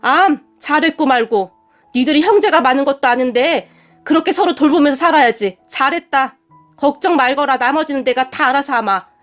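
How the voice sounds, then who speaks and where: A woman's voice: sits high, faint music behind, lightly acted. Woman doing a stern old father-in-law. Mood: reassuring. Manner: slow, commanding, gruff.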